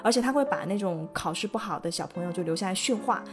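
A woman co-hosting a casual podcast, telling a childhood story in a lively way and laughing often. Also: mid-range voice, quick pace, music in the background. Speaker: podcast co-host.

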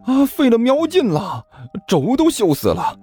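A man voicing a brash, impatient male student who swears and shouts in exasperation. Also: high voice, huge pitch swings, normal speed, faint music behind, voice pushed up. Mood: exasperated.

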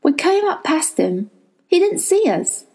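A woman voicing a steady, protective boy of about twelve who speaks in quiet, firm tones in a storybook reading. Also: extremely high pitch, measured pace, voice pushed up, full character voice.

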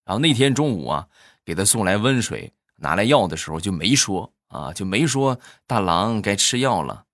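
A man rattles off short jokes in a relaxed, chatty way. His voice sits low but rises and falls a great deal. The recording is close and dry. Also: fairly quick, no room sound. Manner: chatty, storytelling with frequent "啊" tags. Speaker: comic storyteller.

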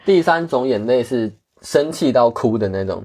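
A man's voice: mid-range voice, lively intonation, moderate pace, darkish tone. A man, a guest earnestly telling travel stories in casual chat. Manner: earnest, candid, many restarts.

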